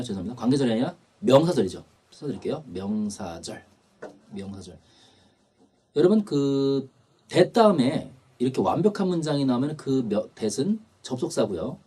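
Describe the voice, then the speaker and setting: A man's voice: mid-range voice, mellow, slightly rough. A man teaching an English test prep lecture, explaining grammar and repeating key terms.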